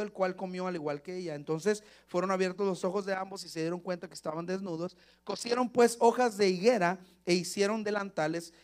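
Male pastor, high voice, lively sermon delivery with call-outs. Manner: calls out to the congregation, acts out Bible scenes.

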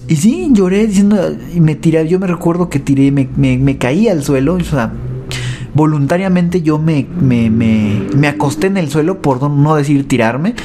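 A man with a Mexican accent gives a personal faith testimony, halting, repeating words and often tagging his sentences with a question. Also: fairly high pitch, expressive, dark tone, slight background noise.

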